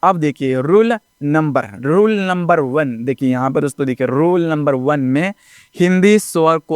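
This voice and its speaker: High, smooth-voiced male teacher. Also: dry recording, studio quality. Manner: repetitive, keeps checking with "ठीक ना?" and addressing viewers as friends; drawn-out letter-by-letter recitation. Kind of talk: classroom-style lesson narration.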